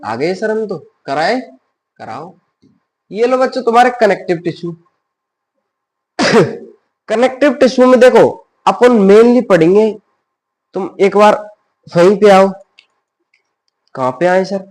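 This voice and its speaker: A man teaching a biology lesson, who asks his class questions, answers them himself in a softer voice and mixes in English science terms. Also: sits high, animated, a little slow, long pauses.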